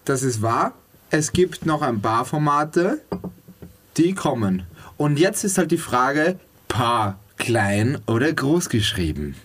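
A man's voice: mid-range voice, sing-song, slow pace, fairly bright tone, husky. A man, a guest on a podcast, chatting casually, rambling, teasing and laughing a lot. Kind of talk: casual chat.

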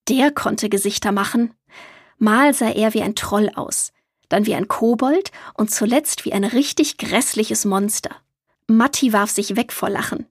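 A woman narrating a children's audiobook with lively storytelling. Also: medium pitch, unhurried, husky, no room sound, studio quality.

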